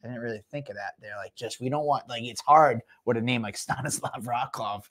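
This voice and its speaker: A man's voice: medium pitch, fairly quick, a bit bright. A man co-hosting a fight-promotion podcast, talking casually and rambling through fighter background stories, often laughing.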